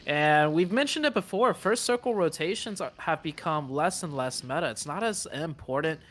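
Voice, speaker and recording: A man giving analytical esports commentary in an explanatory, measured way with some fillers. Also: on the high side, lively intonation, a bit bright. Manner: explanatory, measured, uses fillers like you know.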